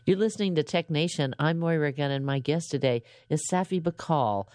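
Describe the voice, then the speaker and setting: A woman's voice: sits low, a little fast, a little mellow, dry recording, clean studio sound. A woman hosting a radio interview, talking in a conversational way and laughing easily. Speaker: radio show host.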